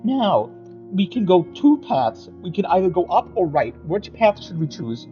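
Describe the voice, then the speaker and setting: A man's voice: high-pitched, sing-song, moderate pace, warm tone, dull audio, faint music behind. A man doing profane gaming commentary, crude and exasperated, mock-aggressive. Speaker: gameplay commentator.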